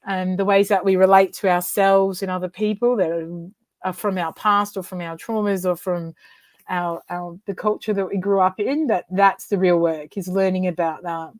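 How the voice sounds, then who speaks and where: A woman coach and author telling a story as an interview guest, animating dialogue with big pitch leaps. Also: fairly even intonation, normal speed, no echo.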